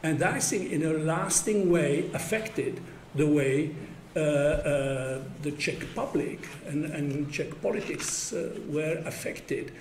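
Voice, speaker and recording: A man's voice: on the high side, takes it slowly. An older man giving an academic conference talk in a university room, hesitant with many fillers and wry chuckles. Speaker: conference speaker. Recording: echoey room, faint background hum.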